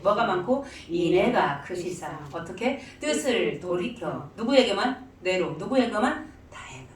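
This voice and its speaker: A woman pastor preaching, asking the congregation questions and answering them herself, at times rising to emphatic, near-shouting stress. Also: medium pitch. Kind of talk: interactive sermon with congregation call-and-response. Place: church sanctuary. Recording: echoey church sound from a distance, faint room noise.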